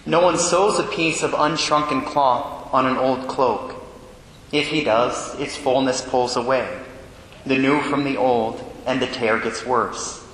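A priest reading the Gospel and preaching a homily in a measured way, with rhetorical questions, his voice in a cathedral echo inside a large church. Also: steady tone, a bit bright, a little hiss or hum. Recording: booming long reverb in a large church.

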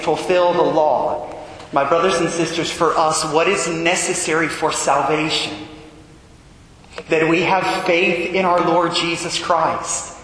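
A man preaches in a measured cadence, asking rhetorical questions as he reads the Gospel and gives a homily. His voice is bright and forceful, pitched a little high. The cathedral echo rolls on behind every word with a long, booming reverb. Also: a little hiss or hum. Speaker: priest. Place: large church.

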